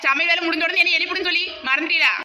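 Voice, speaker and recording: A woman's voice: very high voice, fairly even intonation, rapid-fire, heavy background noise. A woman with a Tirunelveli Tamil accent, voicing cartoon comedy in a complaining, protesting way. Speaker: voice actor.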